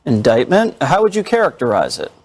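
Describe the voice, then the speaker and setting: A man reading scripted news narration as an anchor, in a crisp, brisk delivery. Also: mid-range voice, wildly swooping pitch.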